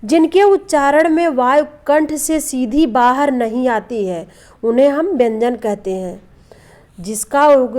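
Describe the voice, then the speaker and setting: A young woman teaching a Hindi grammar lesson who asks questions and answers them herself, repeats key terms patiently, and draws out the example sounds slowly. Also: fairly high pitch, darkish tone. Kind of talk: classroom lesson explaining vowels and consonants.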